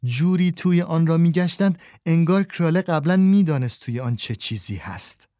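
A male storyteller reads a children's story in a calm, measured way, close to the mic. His voice is fairly high for a man yet mellow and soft-edged. The recording is dry, with no room sound. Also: no room sound. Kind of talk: scripted storybook narration.

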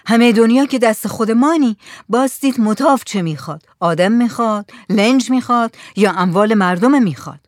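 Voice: mid-range voice, animated, dry recording, clean studio sound, lightly acted. A reader voicing a blunt, pious old fisherman. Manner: blunt, questioning.

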